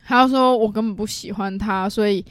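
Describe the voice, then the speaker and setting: A woman tells a story on a chatty podcast, slipping into the voices of the people she quotes. Her voice sits at an ordinary pitch and the sound is dry and close, with no room around it. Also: brisk, smooth, no room sound. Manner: animated storyteller, acts out quoted lines, laughs often. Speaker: podcast co-host. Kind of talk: casual storytelling chat.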